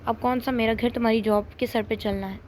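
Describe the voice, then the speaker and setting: An easygoing father who coaxes his son gently, as a woman reads him out. The voice is high and narrow in range. Faint noise sits behind. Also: steady tone, natural voice. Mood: coaxing. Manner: coaxing, easygoing. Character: genial older father, head of household.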